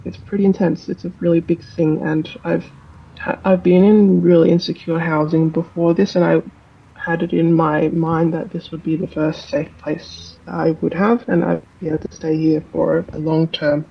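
An anonymous tenant speaking in a halting, stressed way in a news interview, with an electronically disguised voice. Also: medium pitch, flat delivery, creaky, breathy edge, muffled recording. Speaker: anonymous public housing tenant. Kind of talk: interview clip in a news report.

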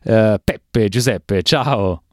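A man's voice: lowish voice, drawn-out words, no room sound, clean studio sound. A man from Italy hosting a radio phone-in in a conversational presenting style. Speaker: radio host. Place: radio studio. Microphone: close studio microphone.

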